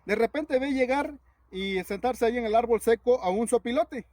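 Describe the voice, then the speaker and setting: A man from a Zapotec-speaking community with a Mexican Spanish accent, a teacher telling a folk tale in a relaxed, conversational way. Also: extremely high pitch, normal speed, dry recording. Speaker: teacher and storyteller.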